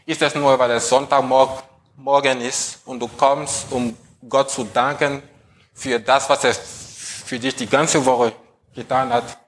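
Male preacher, measured delivery, asks the congregation pointed questions. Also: medium pitch, little pitch movement. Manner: slow, emphatic questions to the congregation. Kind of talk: sermon.

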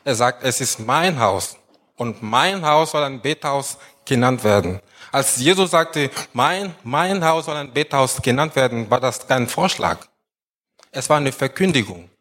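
A male pastor preaching a sermon at a very unhurried pace, voice sitting mid-range. He leans on key words and repeats phrases for emphasis, letting pauses hang. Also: medium pitch, a bit bright. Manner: slow, emphatic preaching with many repetitions.

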